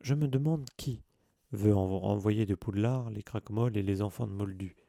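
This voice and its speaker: A man's voice: on the low side, normal speed, creaky, dark tone, dry recording. A man voicing a clever, skeptical teenage girl who speaks dryly. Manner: dry, doubtful.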